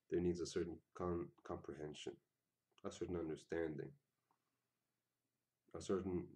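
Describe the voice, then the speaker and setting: A man giving an earnest, casual spiritual talk, often repeating himself and acting out quoted lines in sudden loud bursts. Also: low-pitched. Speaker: spiritual teacher.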